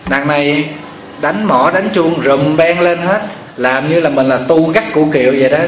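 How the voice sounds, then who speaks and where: A Buddhist monk with a Southern Vietnamese accent giving a folksy dharma talk, full of rhetorical questions. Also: male voice, medium pitch, a bit bright, echoey room, a little hiss or hum.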